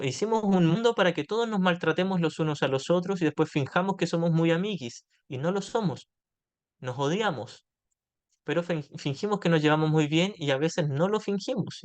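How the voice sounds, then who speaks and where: A man leading a spiritual study group, teaching earnestly and now and then acting out people's complaints. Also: a little high. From Chile. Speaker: course study group leader.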